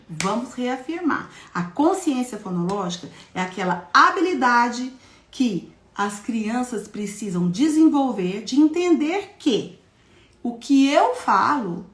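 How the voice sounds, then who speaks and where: Woman teacher, echoey room. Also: fairly high pitch. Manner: explains step by step, often asks the audience questions; demonstrates syllables in a lively, childlike classroom voice. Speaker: educator giving a live talk on literacy. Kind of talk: live teaching talk.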